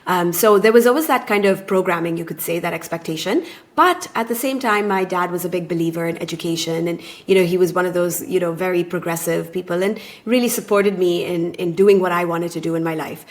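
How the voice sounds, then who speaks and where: A woman in her thirties, raised abroad, speaking as a podcast guest and relationship coach in a thoughtful, measured way. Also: on the low side. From born in Taiwan, raised in Japan. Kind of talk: conversational podcast interview.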